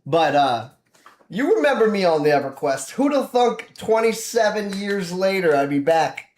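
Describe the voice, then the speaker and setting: A man's voice: high voice, sing-song, normal speed, reverberant. A man casually chatting while streaming a game, rambling and laughing often as he plays.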